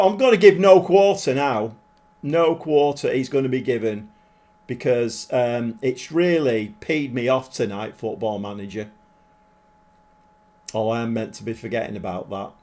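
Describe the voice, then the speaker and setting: Speaking at a medium pitch, a man chats casually with his audience while live-streaming a football management game. He's quick to get excited and quick to put himself down.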